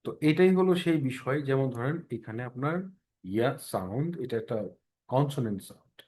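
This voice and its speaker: A man's voice: medium pitch, animated, brisk, mellow. A man teaching English pronunciation in an online class, explaining step by step and checking that students follow. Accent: Bangladeshi Bengali.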